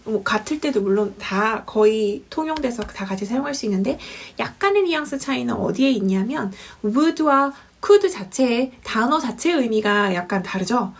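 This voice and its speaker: A woman teaching an English lesson, repeating example sentences slowly and clearly. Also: on the high side. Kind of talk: language lesson.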